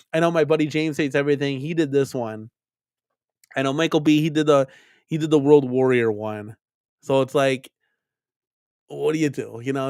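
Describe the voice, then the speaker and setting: A man's voice: mid-range voice, darkish tone, no room sound, clean studio sound. A man hosting an arcade-collecting live stream, chatting casually and rambling, with lots of "right?" and "like" and repeated words. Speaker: arcade collector vlog host.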